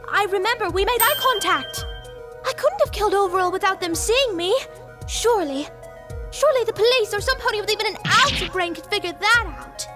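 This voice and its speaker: A woman's voice: extremely high pitch, lively intonation, a little fast. A woman voicing a prim, dramatic posh unicorn mare in a fan game dub, with refined theatrical diction. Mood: refined worry. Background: music.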